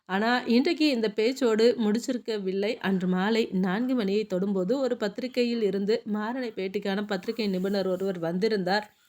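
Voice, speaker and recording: A woman reading a Tamil romance novel aloud as an audiobook narrator, in a steady storytelling manner. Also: mid-range voice, moderate pace.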